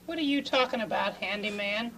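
A woman's voice: mid-range voice, brisk, fairly bright tone, natural voice. Woman doing a bossy brash older-lady puppet, very sure of herself, kids tv, noisy old audio. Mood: brisk, curious. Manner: imperious, calls people dear. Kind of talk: children's television puppet show.

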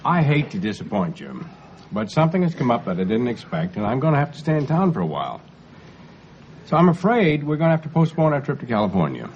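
A middle-aged man playing a caring, apologetic family father in a television sitcom, speaking earnestly and gently. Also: mid-range voice, huge pitch swings, quick pace. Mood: apologetic, troubled. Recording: muffled old TV soundtrack, faint noise.

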